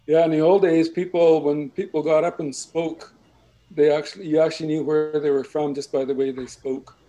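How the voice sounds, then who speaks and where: A man with a slightly high, mellow voice explains things in a slow, patient way. He often pauses to check that the listener is following. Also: level tone, soft background music, low-quality recording. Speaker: language and culture speaker. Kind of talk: explanatory talk.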